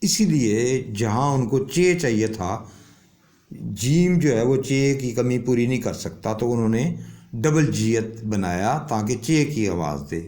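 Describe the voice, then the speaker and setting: ایک مرد استاد جو کلاس میں صبر سے حروف کی آوازیں سمجھاتا ہے اور بار بار "ٹھیک ہے" پوچھتا ہے۔. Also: male voice, medium pitch, warm tone. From Pakistan. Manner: explains patiently with many check-ins. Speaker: language teacher. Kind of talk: classroom lesson explaining an alphabet.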